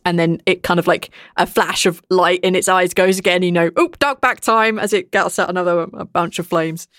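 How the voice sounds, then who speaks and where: A woman narrates a tabletop game as its game master. Her voice is slightly low, and she describes scenes in a loose, conversational style. The recording is close and dry. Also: little pitch movement, fairly quick, a bit bright, no echo. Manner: informal, conversational.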